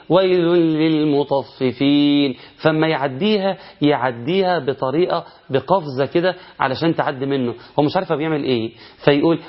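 A man's voice: mid-range voice, dull audio. A man with an Egyptian Arabic accent teaching a recorded Quran recitation lesson, asking himself questions and answering them.

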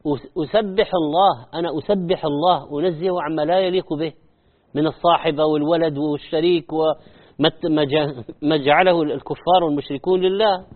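Man, religious teacher, lesson, demonstrates recitation by repetition, slightly high voice, tinny narrow sound. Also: fairly even intonation, brisk. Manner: demonstrates wrong and right recitation by repeating phrases. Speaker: Islamic teacher.

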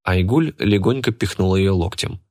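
A man narrating an audiobook in a steady, even reading voice. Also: low voice, normal speed, no room sound, clean studio sound.

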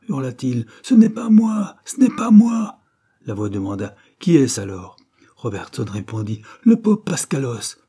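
A male audiobook narrator with a low, dark and slightly husky voice. He reads an old serial novel in a measured, dramatic style, pausing between phrases. The tone stays steady and storybook-like throughout. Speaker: audiobook reader.

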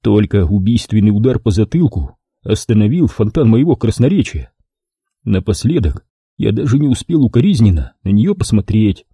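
A man's voice: lowish voice, sing-song, moderate pace, mellow, breathy edge, dry recording, clean studio sound. A man narrating a first-person crime audiobook in a wry, ironic storytelling manner. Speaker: audiobook reader.

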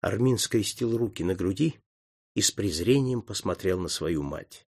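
A man narrating an audiobook in measured, dramatic storytelling. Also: low voice, lively intonation, a little mellow, breathy edge. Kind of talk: audiobook reading.

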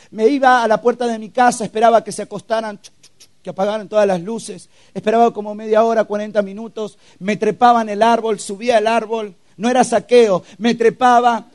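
A man's voice: sits high, darkish tone. A young man preaches his testimony to a youth camp. He tells the story with feeling and acts out scenes with sound effects. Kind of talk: testimony sermon.

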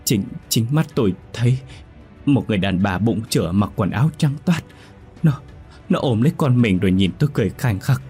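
A man's voice: lowish voice, expressive, brisk, a little mellow, faint music behind, lightly acted. A man voicing a young wife sobbing and stammering over her missing baby in a ghost story. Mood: terrified. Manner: stammering, wailing.

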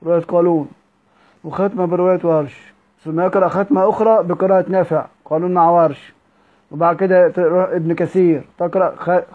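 A man with an Egyptian accent teaching Quran recitation, explaining a classical text and often repeating words with drawn-out fillers. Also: sits high. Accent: Egyptian Arabic. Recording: tinny phone-like audio.

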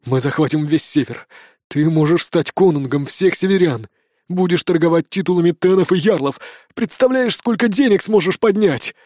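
Hoarse hissing old shaman, worn out, scheming, pushy, audiobook character, read by a man, fairly high voice, dry sound. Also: normal speed, a little mellow, no room sound, lightly acted. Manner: sullen, then pushy and wheedling.

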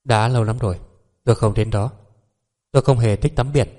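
A man reading the part of a calm, composed businesswoman who runs a beauty salon, answering police questions politely in an audiobook. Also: medium pitch, brisk, lightly acted.

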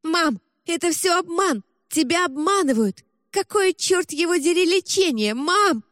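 A woman voicing a desperate, defiant teenage girl who pleads and shouts. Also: high-pitched, measured pace, no echo, clean studio sound, pitched above the performer's own voice.

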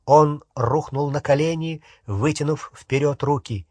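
Slow husky male audiobook narrator. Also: on the high side, a little mellow, dry recording. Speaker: audiobook reader. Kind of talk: scripted narration.

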